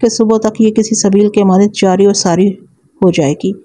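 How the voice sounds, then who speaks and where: A woman reading the part of a brutish male police constable who boasts menacingly of rough interrogation. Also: mid-range voice, steady tone, warm tone, natural voice. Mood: boastful.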